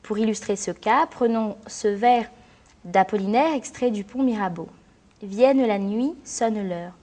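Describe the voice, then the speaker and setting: A woman teacher narrating a scripted lesson in a clear, measured, explanatory way. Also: mid-range voice, mellow. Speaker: French teacher.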